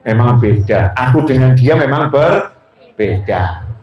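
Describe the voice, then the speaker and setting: A man's voice: mid-range voice, lively intonation, slow pace, recorded from a distance, highs cut off, faint music behind, pitched below the performer's own voice. A man voicing a kind, soothing young woman friend in a sermon. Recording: very echoey hall.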